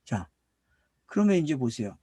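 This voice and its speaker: A man's voice: medium pitch, very animated, normal speed, mellow, husky, dry recording. A middle-aged man from South Korea preaching as a pastor, asking questions and answering them himself and drawing out words for emphasis. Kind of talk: sermon, Bible teaching to a congregation.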